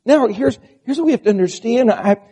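A man's voice: very high voice, animated, fairly quick, mellow, slightly rough. A man preaching a sermon with a strained, quavering voice that bleats like a goat, using rhetorical questions and repeated lists. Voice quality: strained, quavering, bleating voice from a vocal disorder (spasmodic dysphonia). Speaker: preacher and church pastor.

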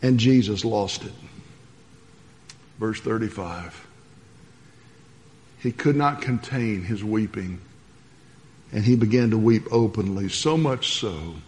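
Slow-speaking preacher in a reverberant hall. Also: male voice, lowish voice. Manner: earnest, swinging between soft and rising emphasis. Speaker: pastor. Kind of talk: sermon.

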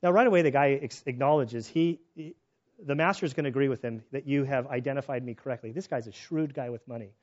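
A man's voice: medium pitch, quick pace, darkish tone, muffled recording. A man preaching a sermon in a conversational way, mixing Scripture reading with stories and restarts. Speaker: pastor.

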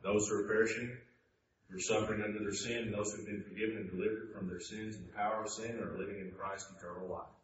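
A man preaching a sermon in a church, moving from hushed, slow passages to loud, high-pitched emphasis. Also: fairly even intonation. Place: church sanctuary. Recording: echoey hall, distant mic, dull sound, faint noise.

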